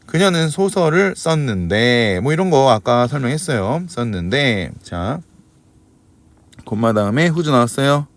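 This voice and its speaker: A man's voice: medium pitch, very animated, unhurried, dry recording. A man teaching English grammar in a recorded lecture, asking questions and answering them himself, switching between polite and casual speech. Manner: asks and answers his own questions.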